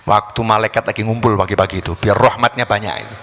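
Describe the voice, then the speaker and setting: A man voicing a calm, older Islamic teacher giving advice, in a sermon story, recorded in a reverberant mosque hall. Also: lowish voice, fast talker, pitched below the performer's own voice.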